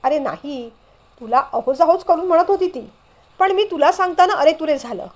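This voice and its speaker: Brief: a woman reading a playful teasing younger brother, light and high. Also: animated, moderate pace.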